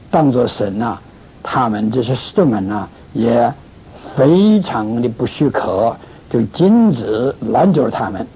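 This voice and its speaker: Slow, very husky male church leader. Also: medium pitch. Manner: earnest, pleading, with drawn-out particles. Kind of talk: recorded pastoral message. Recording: dull lo-fi recording.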